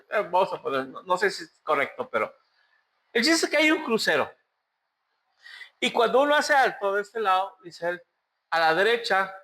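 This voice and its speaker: A man's voice: sits high, bright, forceful tone. A man with a Mexican Spanish accent preaching a sermon, telling a story and acting out the voices of the people in it. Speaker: pastor. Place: church.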